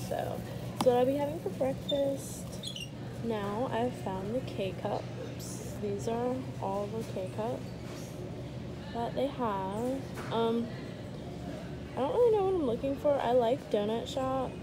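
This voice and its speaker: Speaking slowly in a slightly high voice, a young woman in her twenties narrates a casual vlog, chatting while she shops. She holds her phone camera at arm's length, moving from store aisles to a parked car, amid heavy background noise.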